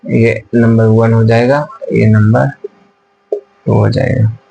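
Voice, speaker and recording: A man's voice: lowish voice, flat delivery, slow pace, gravelly, mellow, muffled recording, faint music behind. Man teaching at a whiteboard, repetitive. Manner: repeats himself and asks and answers his own questions. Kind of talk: classroom lesson at a whiteboard.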